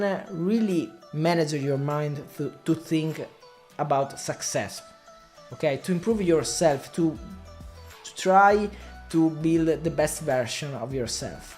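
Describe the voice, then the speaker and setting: A native Italian speaker from Italy, working as a digital marketing media buyer, talks about his job casually to camera in accented, non-native English. He stops and restarts often, and his voice is a little high with a darkish tone.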